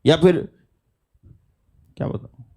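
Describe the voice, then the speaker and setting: A man's voice: slow, mellow. A man preaching a sermon at a live prayer meeting, talking emphatically with rhetorical questions and calls of hallelujah.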